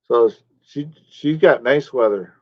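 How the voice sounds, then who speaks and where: Male streamer, mid-pitched, loose rambling chat with viewers, dry muffled recording. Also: slow, dry recording. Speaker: live streamer. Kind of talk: casual live-stream chat.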